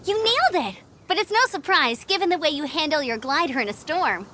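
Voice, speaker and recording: A woman's voice: high voice, lively intonation, a little fast, noisy background. A young woman playing an upbeat, encouraging female scout, over game music. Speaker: scout and gliding champion. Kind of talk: game cutscene dialogue.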